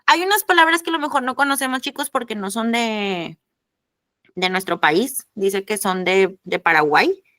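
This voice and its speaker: A woman's voice: medium pitch, moderate pace, sharp tone, dry recording. A woman teacher, explaining a lesson in an online class, chatty and addressing the students directly.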